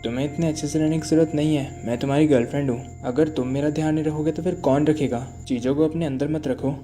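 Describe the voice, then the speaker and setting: A man's voice: on the high side, fairly even intonation, fast, dark tone, faint music behind, close to an everyday voice. A man reading the lines of a blunt young woman office worker in his own plain voice. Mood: firm.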